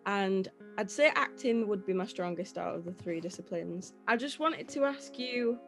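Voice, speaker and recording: A woman's voice: medium pitch, lively intonation, normal speed, faint music behind. A 19-year-old woman, a musical theatre student, politely and somewhat hesitantly asking a question on a video call.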